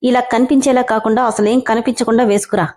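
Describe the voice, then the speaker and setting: A woman's voice: on the high side, fairly even intonation, quick pace, a little mellow, natural voice. A woman voicing a stern young man, a company boss, with clipped scolding commands in a story reading.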